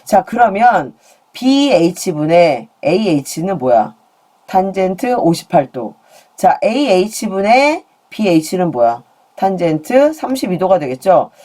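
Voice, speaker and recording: A woman's voice: lowish voice, sing-song, measured pace, dark tone. A woman math teacher working through problems, playfully quizzing her students and joking as she goes. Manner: playful, asks questions and jokes with students. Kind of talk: online math lesson.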